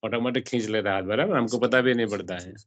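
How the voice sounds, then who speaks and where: Low-ish guy teaching a spiritual class, keeps asking the room questions, dry sound. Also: fast talker, no room sound. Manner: asks the audience questions and mixes in English words. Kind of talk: explaining a religious text to a class.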